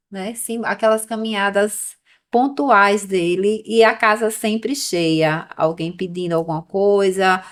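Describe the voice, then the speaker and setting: A woman, the museum's director, explaining her collection in a thoughtful way during a casual podcast conversation and often adding "né?" at the end of a point. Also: mid-range voice. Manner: thoughtful, explanatory, with frequent "né?" tags.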